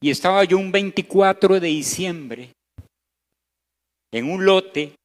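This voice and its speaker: A man with a Costa Rican Spanish accent preaching a sermon as pastor, swinging between loud emphasis and hushed, slow passages. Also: high voice. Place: church hall. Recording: echoey church hall.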